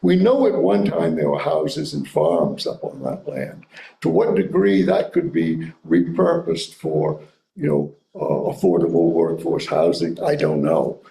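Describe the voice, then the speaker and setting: This man speaks low and unhurried with a gravelly, warm tone and huge swings in pitch, giving a local history lecture with audience Q&A. He's thoughtful and hedging, restarting his phrases, in an echoey library meeting room with faint hiss.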